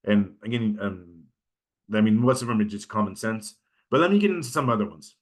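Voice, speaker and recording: The voice is fairly low, expressive, and fairly quick, belonging to a man with a Californian American accent. He's an instructor running an informal workshop on pitching, talking conversationally and frequently checking in with listeners.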